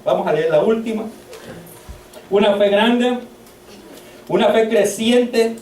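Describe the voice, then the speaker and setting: Fervent high-voiced pastor preaching in an echoey hall. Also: male voice, takes it slowly, slight background noise. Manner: fervent, swings between loud shouts and hushed storytelling. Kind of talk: sermon. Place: church. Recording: echoey church hall, mic at a distance.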